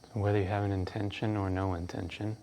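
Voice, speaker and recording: A man with a low, gravelly voice guides a breathing meditation. He speaks slowly and in a hushed, calm manner, leaving long pauses between phrases. Faint insect ambience sits behind him. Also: slight background noise. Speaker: breathwork instructor.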